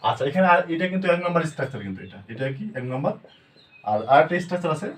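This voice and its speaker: A Bangladeshi man teaching English grammar, asking questions and answering them himself, sounding words out slowly. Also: on the high side, a little hiss or hum. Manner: asks and answers his own questions, slow word-by-word drilling. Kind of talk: spoken grammar lesson with questions to students.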